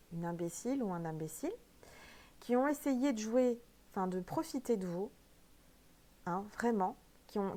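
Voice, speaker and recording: A woman's voice: medium pitch, a little mellow. A woman with a French accent doing a casual spiritual oracle card reading, chatty and emphatic, with many fillers.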